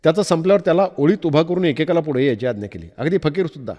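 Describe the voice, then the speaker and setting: A man narrating an audiobook novel with expressive, measured storytelling. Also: on the high side. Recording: long reverb.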